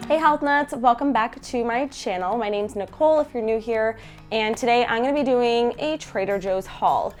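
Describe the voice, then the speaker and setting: A young Canadian food vlogger, nasal and stuffy from a head cold, chats upbeat about groceries in a casual haul video from her bedroom, using many fillers. Her voice is fairly high at normal speed, with music playing behind.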